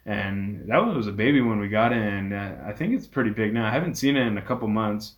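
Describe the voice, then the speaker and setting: The audio is dull, and the man's fairly low voice moves at a fast clip. He is a guest being interviewed about his reptile rescue, rambling casually through his explanations and dropping "you know" again and again.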